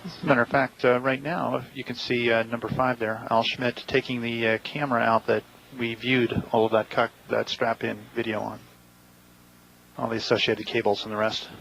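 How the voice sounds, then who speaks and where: A man giving live, unscripted technical commentary in a halting, explanatory way. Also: mid-range voice, flat delivery, fairly bright tone, rough recording. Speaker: launch commentator. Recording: clear background ambient noise.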